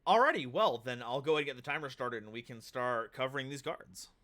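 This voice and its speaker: A man's voice: medium pitch, lively intonation, fast talker, bright, forceful tone. A man hosting a casual livestream, upbeat and hype, who reads card text aloud. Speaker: streamer host.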